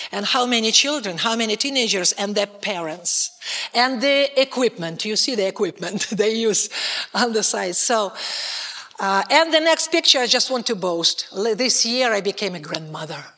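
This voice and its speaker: A mature woman with a Russian accent speaks as a missionary preacher. Her voice is bright and forceful at an average pitch. She picks her way through imperfect English, pausing to find words as she addresses a church. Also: lively intonation. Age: middle-aged or older. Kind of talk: church testimony with picture presentation.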